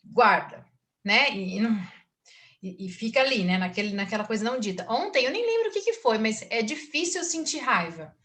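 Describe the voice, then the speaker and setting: A woman's voice: a little high, sing-song, fairly quick, a bit bright. A woman hosting a casual book group talk, chatty and acting out her own inner voice. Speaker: book circle host and teacher.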